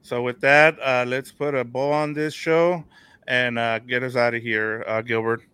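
Young dude, bright crisp voice, laid-back co-host keeping the show moving. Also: male voice, mid-range voice, flat delivery, measured pace, dry recording. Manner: easygoing and agreeable, steering the show along. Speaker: podcast producer and co-host. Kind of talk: casual post-game podcast chat.

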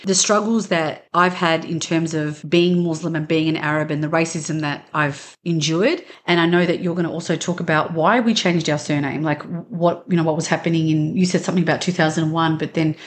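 A woman's voice: fairly low pitch, slight background noise. Chatty Australian woman podcast host. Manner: chatty and candid, quick asides and restarts. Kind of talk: casual conversational podcast.

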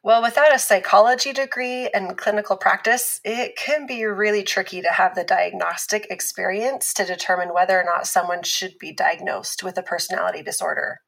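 An actress playing a calm, patient abuse survivor who explains things in a measured, instructive way in a scripted fiction podcast. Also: female voice, medium pitch, creaky, poor audio.

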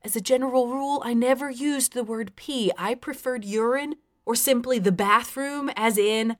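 A woman's voice: on the high side, moderate pace. A woman reading her own memoir aloud in a frank, wry and profane way. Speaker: memoir narrator. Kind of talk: first-person memoir narration.

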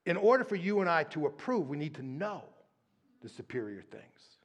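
A man's voice: a little high, moderate pace. A middle-aged man preaching as a pastor in a conversational sermon, often adding tag questions and stumbling on repeated words as he starts a line. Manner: tag questions, shifts from lively to hushed prayer.

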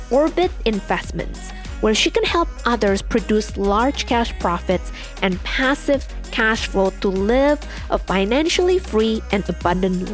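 A woman hosting a business podcast, reading a scripted intro and asking interview questions in a measured way. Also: fairly high pitch. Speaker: podcast host.

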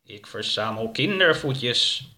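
Man doing an eerie slow dream monster. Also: mid-range voice, lively intonation, sharp tone, exaggerated voice. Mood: menacing. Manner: slow, drawn-out. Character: large dark sinister dream creature. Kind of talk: storybook reading.

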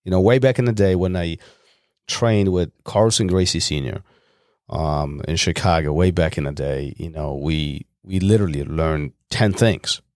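A man's voice: sits low, moderate pace, darkish tone, no echo, studio quality. A man co-hosting a podcast, talking in an earnest, rambling way with frequent restarts and fillers. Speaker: podcast co-host. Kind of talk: casual podcast chat.

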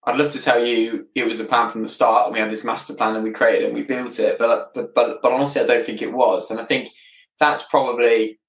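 Man in his thirties, roomy off-mic sound, flat intonation, casual storytelling, repeats words. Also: medium pitch, fairly quick. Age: 30s. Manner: hesitant, often repeats words as he goes. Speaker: podcast guest, property business owner. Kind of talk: casual conversational storytelling in an interview. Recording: roomy, echoing, distant from the mic.

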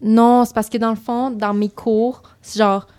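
A woman's voice: fairly high pitch, little pitch movement, a little slow, a little mellow. A woman, a guest chatting loosely on a podcast, full of filler words and slipping into English. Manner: loose and rambling, heavy use of filler words, slips into English. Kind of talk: casual chat.

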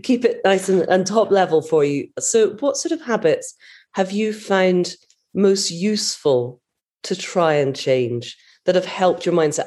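Mellow-voiced woman interviewer. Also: medium pitch. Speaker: podcast interviewer. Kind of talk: podcast interview.

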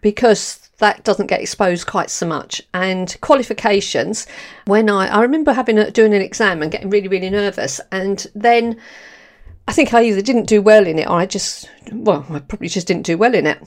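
An older woman from London, England hosts her own podcast, delivering a personal monologue with a London accent. She speaks candidly and animatedly at a normal speed in a medium-pitched voice, laughing often.

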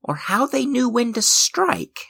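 A man playing a whiny, husky young apprentice. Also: extremely high pitch, very animated, measured pace, bright, forceful tone, heavily acted. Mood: exasperated. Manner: exasperated, complaining. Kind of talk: audio drama acting.

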